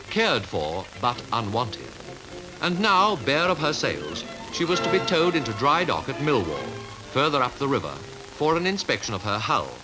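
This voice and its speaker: A man gives an old 1950s newsreel narration, formal and declamatory, his pitch rising and falling in lively sweeps. Music plays clearly behind him. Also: rough recording. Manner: formal, measured, declamatory delivery.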